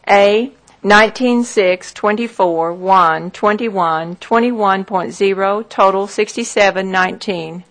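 A woman working as an auctioneer, formally reading out lot numbers and bids in a measured, repetitive, methodical way. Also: mid-range voice, fairly bright tone.

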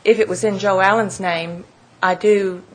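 A woman's voice: medium pitch, fairly even intonation, normal speed. A woman from the county office, out of breath, explaining procedure plainly at a public meeting.

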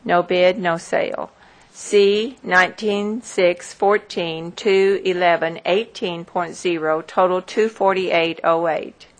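A woman working as an auctioneer, formally reading out lot numbers and bids in a measured, repetitive, methodical way. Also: on the low side, steady tone.

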